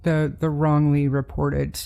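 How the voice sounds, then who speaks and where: A woman's voice: low voice, flat delivery, slow, creaky, mellow, highs cut off. A woman hosting a true crime podcast, talking casually with frequent ums and restarts. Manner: hesitant, many ums and restarts. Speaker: podcast host.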